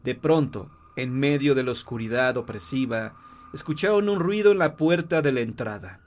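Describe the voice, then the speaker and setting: A man narrating a horror tale in a measured, grave storytelling voice. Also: mid-range voice, noisy background.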